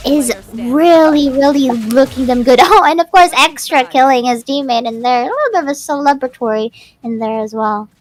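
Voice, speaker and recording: High-voiced woman calling esports play-by-play. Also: faint music behind. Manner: quick, animated calls with frequent restarts. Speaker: esports shoutcaster. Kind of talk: live play-by-play game commentary.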